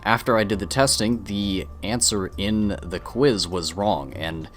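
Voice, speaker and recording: A man's voice: fairly low pitch, unhurried, fairly bright tone, faint music behind. A man hosting a gaming channel, talking casually and in a rambling way, with fillers and restarts as he explains. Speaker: channel host.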